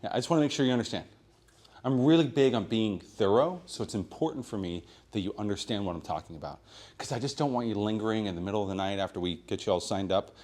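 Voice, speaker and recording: A man giving a sales training talk at a meeting, projecting loudly and checking in with "right?" after his points. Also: fairly low pitch. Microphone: room microphone.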